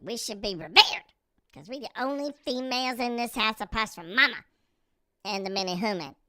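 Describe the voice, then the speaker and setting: A man's voice: sits high, lively intonation, moderate pace, bright, forceful tone, smooth, no echo, voice pushed up, full character voice. A man talking through a voice changer to voice his house cats, a haughty, boastful purebred queen cat. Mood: sassy. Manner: sassy, boastful, drawling. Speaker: streamer voicing his cats.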